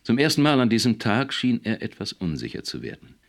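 A man narrating a short story in an expressive audiobook reading. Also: medium pitch, fairly quick, gravelly.

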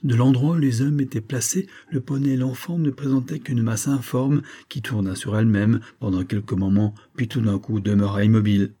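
A man narrating a classic novel as an audiobook, in a measured storytelling manner. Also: mid-range voice, fairly even intonation, dark tone, husky. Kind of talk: scripted narration.

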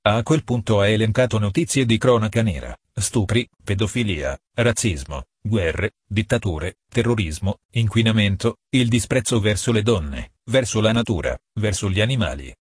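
Un uomo legge un audiolibro con tono calmo e misurato, voce bassa e leggermente roca. Il suono è asciutto e vicino al microfono, senza riverbero. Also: male voice, moderate pace, few pauses, husky, dry recording, clean studio sound. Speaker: narrator. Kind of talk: audiobook narration.

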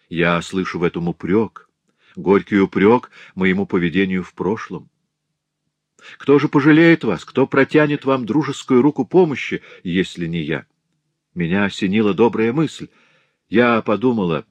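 A man's voice: deep voice, dry recording. A man voicing an earnest noble wife. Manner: earnest and pleading. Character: remorseful devoted young noble wife. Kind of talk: audiobook reading.

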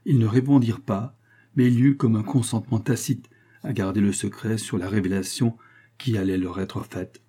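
A male audiobook narrator with a low, dark voice and a husky grain. He reads in steady, even scripted narration. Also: normal speed.

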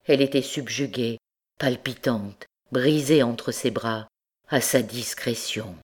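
A woman reading a classic novel aloud as an audiobook narrator, in a measured, unhurried style. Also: extremely low pitch, darkish tone, slightly rough. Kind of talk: scripted narration.

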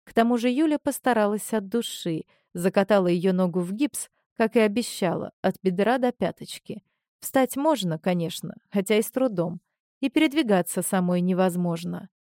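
A woman reads a story aloud in a measured, expressive voice. Her pitch sits mid-range, and the recording is dry and close with no room sound. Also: dry recording. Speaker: narrator. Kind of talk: storybook narration.

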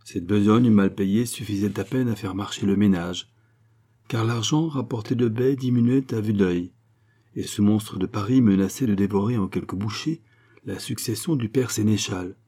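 A man narrating a classic novel as an audiobook, reading in a measured, even way. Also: lowish voice. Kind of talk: scripted literary narration.

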